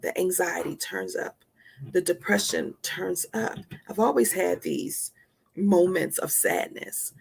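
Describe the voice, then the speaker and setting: A woman's voice: mid-range voice, gravelly, slightly rough. A woman in her forties hosting a live stream, giving a heartfelt motivational talk with earnest, repeated, preacher-like emphasis. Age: 40s.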